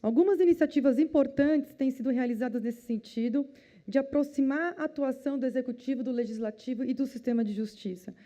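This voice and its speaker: A woman opening a conference session with a formal speech and measured delivery, sometimes repeating words as she searches for them. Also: high-pitched, mellow. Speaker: event host.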